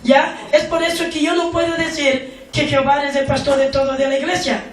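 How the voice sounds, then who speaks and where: A woman pastor preaching a sermon, slow and emphatic, asking the congregation questions again and again. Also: sits high, little pitch movement, noisy background. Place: church hall. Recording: echoey church room from far off.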